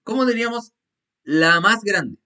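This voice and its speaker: A man's voice: sits high, lively intonation, a little slow, bright, forceful tone. A man teaching an English class over a video call, patiently repeating grammar rules step by step. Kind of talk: online class explanation.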